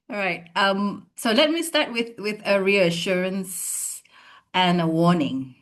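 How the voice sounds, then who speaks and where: A woman's voice: mid-range voice, slow pace. A woman hosting an online seminar, chatty and friendly, often laughing as she calls on participants. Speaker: online session host.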